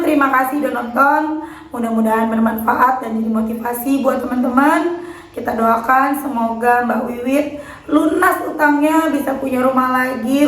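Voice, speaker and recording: A woman's voice: high-pitched, reverberant, low-quality recording. A woman giving an earnest religious motivational talk, repeating her exhortations and addressing viewers as friends. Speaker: motivational speaker.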